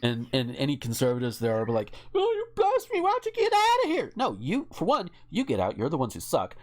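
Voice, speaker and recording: An American podcast co-host talks politics casually and opinionatedly, emphatic, outspoken, and freely profane. The voice is mid-range and brisk with huge swings in pitch.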